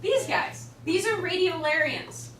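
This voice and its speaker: A woman's voice: very high voice, expressive, unhurried, a bit bright. A woman with a Chicago accent teaching a class, chatty and joking, with many fillers. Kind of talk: classroom lecture. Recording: roomy classroom from far off with noise.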